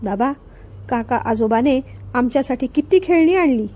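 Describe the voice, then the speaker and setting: A woman's voice: high voice, animated, moderate pace, dark tone. A woman reading the lines of a bossy, sulky little girl in a storybook reading. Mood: pouting. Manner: childish pouting talk.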